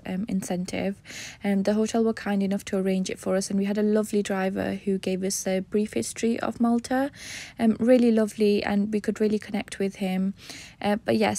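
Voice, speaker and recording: A woman narrating a travel vlog as a casual voice-over, relaxed and full of ums and uhs. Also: mid-range voice, creaky. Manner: relaxed, many fillers like um and uh. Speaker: travel vlogger.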